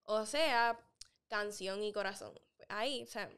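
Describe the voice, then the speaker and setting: A woman's voice: mid-range voice, unhurried, fairly bright tone, smooth. A young woman with a Puerto Rican accent, a troubadour guest explaining rhyme patiently in a casual interview. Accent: Puerto Rican Spanish. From Puerto Rico. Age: young adult. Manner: explains patiently, gives examples. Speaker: guest, trovadora.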